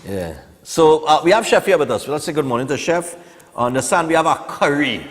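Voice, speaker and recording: This man, a morning television host from Trinidad and Tobago in his forties, talks briskly with lively intonation and a pitch on the high side. His live newspaper review and chat are casual and opinionated, dotted with "eh" and "you know," and a long hall-style reverb trails his voice.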